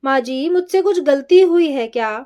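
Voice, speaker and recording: A woman voicing a gentle young daughter-in-law who pleads softly in a story reading. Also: high voice, animated, normal speed. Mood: pleading.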